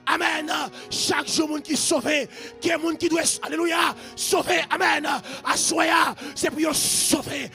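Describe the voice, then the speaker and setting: A Haitian preacher with a strikingly high, gravelly voice that cuts bright and sharp. He shouts and chants his sermon in rhythmic repeated phrases. Faint music plays behind him. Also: steady tone, measured pace, few pauses.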